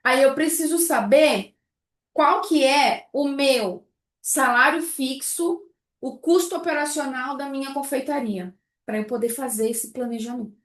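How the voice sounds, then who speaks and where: A high-voiced woman leads a live class on pricing sweets. She keeps throwing rhetorical questions at her students. Her voice carries a roomy echo. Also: unhurried. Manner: lively, rhetorical questions to the audience. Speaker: baking business instructor.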